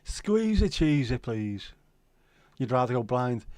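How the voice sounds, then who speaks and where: A middle-aged man with a Scouse accent from Liverpool hosts a casual livestream, answering viewers with jokes, banter and free swearing. His medium-pitched, darkish voice is sing-song and slow, with no room sound.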